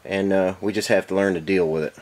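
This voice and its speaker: A man's voice: sits low, fairly even intonation, fast talker, darkish tone. A man casually explaining engine work in a home garage, matter-of-fact with many fillers, heard from an off-screen camera mic. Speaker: engine builder. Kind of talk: casual workshop demonstration.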